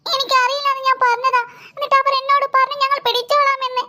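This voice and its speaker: A woman voicing a small timid cartoon girl who cries and whines in a very high, childlike voice. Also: level tone, quick pace, pushed and bright, heavily acted. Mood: tearful. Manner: whiny, wailing. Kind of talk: cartoon voice acting.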